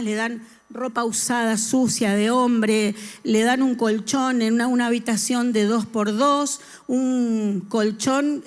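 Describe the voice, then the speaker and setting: A middle-aged woman preaches a sermon in a lively way. Her voice sits a little high for a woman, and she keeps turning to the congregation with questions. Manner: lively, talks with the congregation and asks them questions. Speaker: church speaker.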